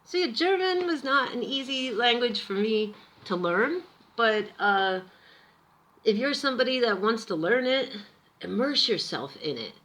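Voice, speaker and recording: Speaking a little slowly in a fairly high voice, a vlogger from Pennsylvania, USA, recounts her time abroad in a casual monologue to camera. She's talkative and emphatic, tossing in lively asides.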